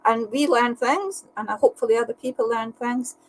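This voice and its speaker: A woman with a fairly high voice speaks as a guest in a relaxed video-call chat. She is earnest and emphatic, often repeating a word before she finds the rest. Faint noise sits under her voice. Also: fairly quick, rough recording. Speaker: guest, paranormal team leader. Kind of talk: casual live-stream chat.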